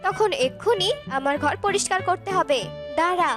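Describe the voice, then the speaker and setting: Cartoon grandmother, bossy and shrill, very high voice, put on by a woman, music underneath. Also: normal speed. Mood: scolding. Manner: scolding, shrill, shouting. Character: nagging older village mother-in-law, grandmother. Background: background music.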